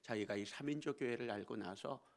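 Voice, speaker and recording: A male pastor gives a storytelling sermon in a church, his voice gravelly with a rough, creaky edge. He sits at a middle pitch and moves between quiet, confiding asides and sudden emphatic lifts. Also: a little fast. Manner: storytelling, swinging from hushed asides to emphatic exclamations. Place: church sanctuary.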